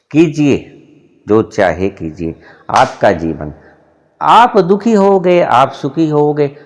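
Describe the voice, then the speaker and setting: A middle-aged man preaches in an unhurried, deliberate way. His pitch rises and falls over a wide span as he stresses key words. It has the measured pacing of a spiritual discourse. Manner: slow, deliberate, rising and dropping sharply for emphasis. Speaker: spiritual teacher.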